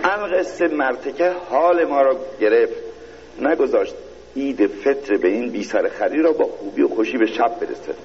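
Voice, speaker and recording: A man giving a satirical reading in a mock-royal court style, slow and pompous. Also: medium pitch, darkish tone, muffled recording, a little hiss or hum. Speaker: reader of a satirical piece.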